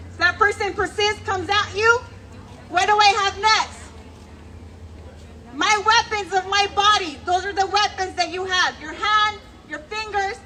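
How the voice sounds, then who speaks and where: A woman working as a self-defense instructor, leading a crowd through call-and-response drills with commanding, energetic shouted cues into a handheld mic at an outdoor rally. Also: very high voice. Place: outdoor rally on a city hall lawn. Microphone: handheld microphone. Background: faint crowd.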